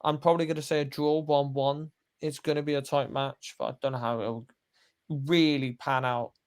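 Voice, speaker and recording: A man's voice: mid-range voice, steady tone, moderate pace, clear, resonant tone. A young man co-hosting a football fan stream, talking bluntly and swearing freely. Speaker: co-host. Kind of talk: football fan podcast chat.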